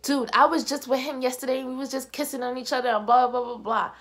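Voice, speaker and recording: A woman's voice: sits high, fairly even intonation, fast, a bit bright, pitched above the performer's own voice. A woman voicing a hot-tempered young college woman, brash and boastful.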